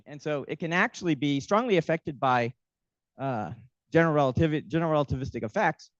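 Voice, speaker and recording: In a somewhat high, expressive voice, a man speaks a little fast during an academic workshop lecture, faltering with frequent ums and restarts as his voice gives out. The dry recording has a dull, muffled sound.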